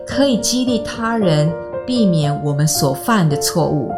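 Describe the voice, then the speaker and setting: A woman narrating an episode introduction in a scripted, even way. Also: fairly low pitch, a little slow. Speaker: program narrator. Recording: narration with clear music.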